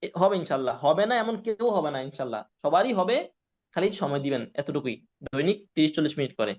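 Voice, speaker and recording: A male Quran teacher from Bangladesh runs a class lesson, drilling each syllable and asking again and again if everyone understands. His voice sits fairly high for a man. The recording is dull and lo-fi. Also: lively intonation, fast talker, a little mellow. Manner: drills syllables, keeps asking if students follow. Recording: dull lo-fi sound.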